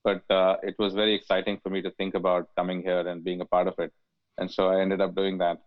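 A deep-voiced man in his forties from India, talking casually as an interview guest. He hesitates often, with fillers and restarts. The sound is dry and narrow, like a phone line. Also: monotone, fast talker, dry recording. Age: 40s.

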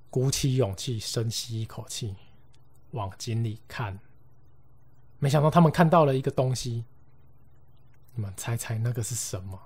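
A male podcast host with a Taiwanese Mandarin accent casually tells a ghost story, voicing the different people in it. His voice is mid-range with a darkish tone.

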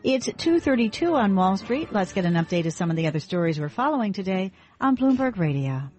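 A woman's voice: medium pitch, very animated, brisk, darkish tone. A woman anchoring a scripted radio business and market news update. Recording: music bed under speech. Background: music.

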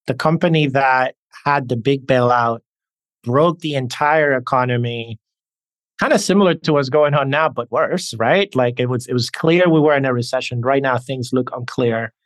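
Podcast guest, male, from the Dominican Republic, mid-pitched, earnest storyteller, dry close sound. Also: no room sound. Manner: earnest, reflective, talks in anecdotes. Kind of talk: conversational interview storytelling.

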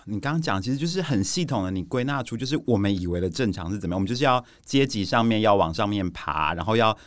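Lively low-voiced male podcast host. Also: quick pace, no echo. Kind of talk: casual podcast interview.

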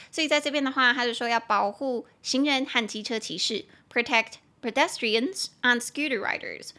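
A young woman with a Taiwanese Mandarin accent, hosting a casual English lesson podcast, slowly spelling words and laughing at her own stories. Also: on the high side, gravelly, bright, forceful tone.

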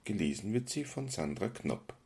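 Brief: male radio host, very low and husky, measured presenting and interviewing. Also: very animated, darkish tone.

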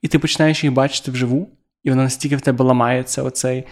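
A man's voice: mid-range voice, little pitch movement, racing. A young man with a Ukrainian accent co-hosting a casual podcast chat, joking and self-deprecating. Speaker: podcast co-host.

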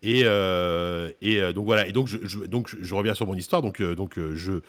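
A man co-hosting a podcast, chatting casually about a video game and telling a rambling, animated story with lots of repeated words. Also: deep voice, normal speed. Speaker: podcast co-host. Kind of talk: casual gaming chat.

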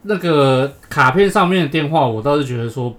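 A man's voice: a little high, animated, a little fast. Dry, teasing Taiwanese man. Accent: Taiwanese Mandarin. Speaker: podcast co-host. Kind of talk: casual chat.

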